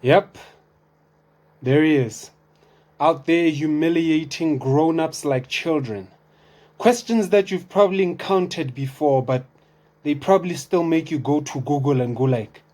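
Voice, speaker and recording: A young adult man, giving casual, expressive video commentary full of rhetorical questions and restarts. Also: fairly high pitch, unhurried, pauses often. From South Africa. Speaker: vlogger reacting to online content.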